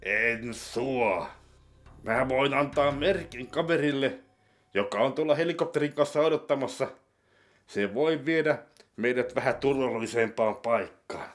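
A man voicing a scheming male boss with a gun, talking low, slow and deadpan. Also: lightly acted.

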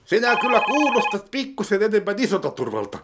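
A man's voice: high-pitched, big pitch swings, very noisy, voice pushed up. A man voicing a fretful, easily worried character in a comedy sketch, complaining and asking anxious questions. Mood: whiny. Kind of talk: comedy sketch role-play.

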